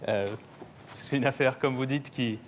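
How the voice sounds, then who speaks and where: Homme posé qui insiste pour préciser. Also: male voice, mid-range voice, fairly even intonation, a little hiss or hum. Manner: measured, insistent, careful to clarify. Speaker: talk show guest. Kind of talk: earnest talk-show exchange.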